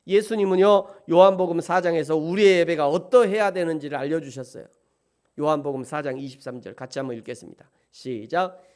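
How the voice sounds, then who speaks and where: High-voiced male pastor preaching. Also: fairly quick. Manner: animated, rising to emphatic peaks. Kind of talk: sermon.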